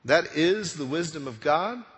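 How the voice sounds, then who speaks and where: A man's voice: on the high side, animated, measured pace, a bit bright. Guy pastor preaching casually, lots of questions to the crowd, big echoey church hall. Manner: conversational preaching, rhetorical questions. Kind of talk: sermon. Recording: long reverb of a church hall.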